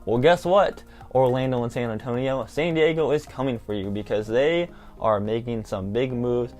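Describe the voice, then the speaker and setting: A nineteen-year-old man hosts a casual theme park vlog, rambling enthusiastically and saying "like" a lot. His mid-range voice has a darkish tone and moves at a normal speed, with soft music playing in the background.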